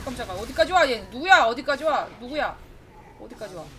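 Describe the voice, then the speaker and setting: Bright, lively woman streaming a game. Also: fairly high pitch, fairly quick, slight background noise. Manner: excitable, talks to herself, yelps and laughs. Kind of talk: live gameplay commentary.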